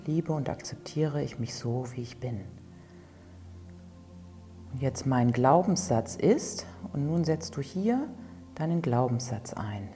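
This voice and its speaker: Low slow woman guiding a tapping session. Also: mellow. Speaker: tapping coach.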